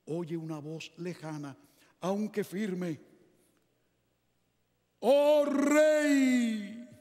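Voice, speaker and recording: A man's voice: sits high, darkish tone. A male preacher delivering a sermon, telling a story dramatically and putting rhetorical questions to his listeners. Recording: echoey hall reverb.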